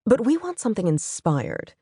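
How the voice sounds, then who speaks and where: A woman voicing a poised, exacting female editor-in-chief in an audiobook, brisk and pointed. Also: mid-range voice, sing-song, dark tone, breathy edge, dry recording, studio quality, pitched above the performer's own voice. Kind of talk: audiobook character voice.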